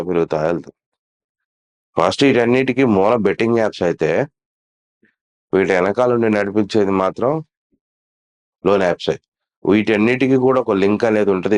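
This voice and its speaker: Low-voiced man scolding in earnest. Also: a little mellow. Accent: Telugu. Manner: earnest, scolding, repeats phrases for emphasis. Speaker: YouTube channel host. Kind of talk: casual talk to camera.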